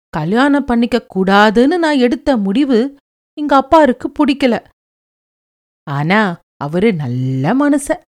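A woman voicing a blunt, teasing older village woman who talks in a drawling rural way. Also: on the high side. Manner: rural colloquial speech, drawls and teases.

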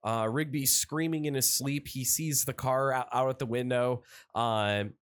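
Rambling, excitable man recapping a cartoon. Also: mid-range voice, measured pace. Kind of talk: casual chat.

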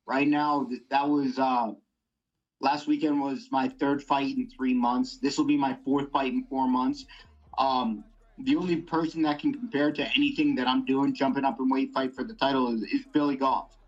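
Blunt, profane young fighter. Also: male voice, mid-range voice, flat delivery, normal speed, muffled recording. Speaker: MMA fighter guest. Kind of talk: casual interview.

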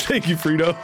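A man running a livestreamed tabletop game as game master, with excitable, profanity-laced banter. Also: fairly high pitch. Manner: excitable, swearing, laughing banter.

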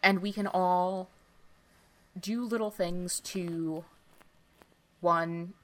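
A woman's voice: fairly low pitch, steady tone, extremely slow. A woman co-hosting a podcast in casual chat, rambling with lots of filler words. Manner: chatty, lots of likes and you-knows. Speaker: podcast co-host.

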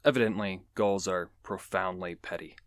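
A man's voice: deep voice, moderate pace, dry recording, clean studio sound. A man hosting a nature show, explaining animal facts in a casual, joking way with chatty asides. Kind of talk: casual educational podcast talk.

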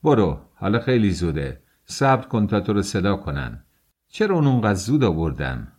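Man doing an irritable, shrewd middle-aged magistrate in an audiobook, sharp and startled questioning. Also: fairly low pitch, big pitch swings.

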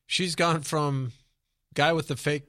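A man's voice: fairly high pitch, fairly even intonation, takes it slowly, bright, forceful tone, no echo, clean studio sound. A man hosting an interview, asking probing follow-up questions with a wry edge. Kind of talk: conversational interview.

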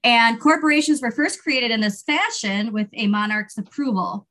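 A woman's voice: a little high, moderate pace, bright, forceful tone. A woman with a standard American accent co-hosting a podcast, chatting casually and reading out quoted material. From United States. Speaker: podcast co-host.

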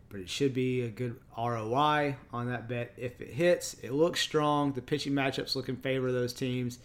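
A man from Texas with a Texan accent, hosting a solo podcast in a casual, chatty way and correcting himself as he goes. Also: medium pitch. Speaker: podcast host.

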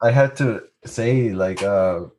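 Young male co-host with a lowish voice, easygoing, often laughing, short agreeing replies. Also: takes it slowly, darkish tone. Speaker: podcast co-host. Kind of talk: casual chat.

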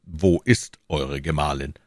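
A man's voice: extremely low pitch, measured pace, darkish tone, dry recording, studio quality. A man reading an audiobook, voicing a stern, indifferent police commissioner who questions a prisoner. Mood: cold, stern. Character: cold, suspicious male police commissioner, middle-aged.

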